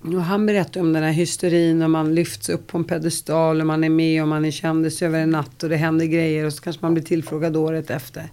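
A podcast host keeps the interview casual and teasing, repeating words at the start of questions. The voice sits at a mid pitch. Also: little pitch movement, hardly any pauses, warm tone, smooth.

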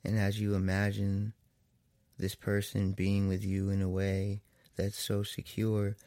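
This guided meditation comes from a man with a deep voice and gravelly fry, delivered in a dark, monotone, very slow and soothing way. Long gaps fall between his brief phrases, and the close, dry recording carries no room sound.

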